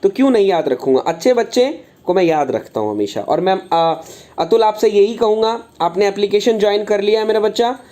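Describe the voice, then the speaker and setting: A man's voice: high-pitched, expressive, fairly quick, warm tone. A man teaching a live online engineering class. He speaks in a fatherly way, calls his students "beta", repeats his phrases and answers chat comments aloud. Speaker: engineering exam tutor.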